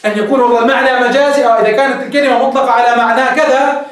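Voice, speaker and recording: A man's voice: very high voice, fairly even intonation, rapid-fire. A man teaching a class on Islamic legal theory, explaining step by step and asking rhetorical questions he answers himself. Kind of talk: classroom lecture. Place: classroom with a whiteboard. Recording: echoey room, mic far off.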